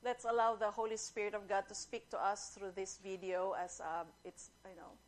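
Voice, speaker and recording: A woman's voice: medium pitch, little pitch movement, moderate pace. A woman with a Filipino accent leading a church service, speaking in a reflective, earnest way. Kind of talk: church talk, mixing English and Tagalog.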